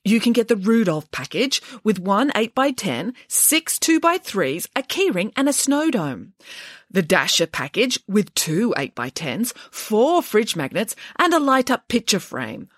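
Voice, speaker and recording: A woman voicing a young female shop elf who rattles off a bright, brisk sales patter. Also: medium pitch, sing-song, no room sound, studio quality, pitched above the performer's own voice. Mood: chirpy.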